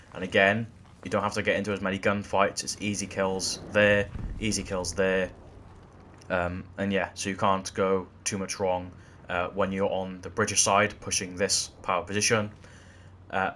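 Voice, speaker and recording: A man walking through video game tactics in a gameplay tutorial, explaining in a steady way that often repeats "again". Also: low voice, slight background noise. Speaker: gaming channel host.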